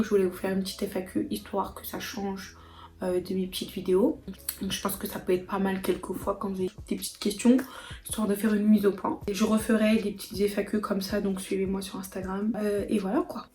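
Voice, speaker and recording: A young woman with a French accent answering viewer questions in a casual vlog, emphatic and animated, repeating words for emphasis. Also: medium pitch, echoey room. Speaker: vlogger.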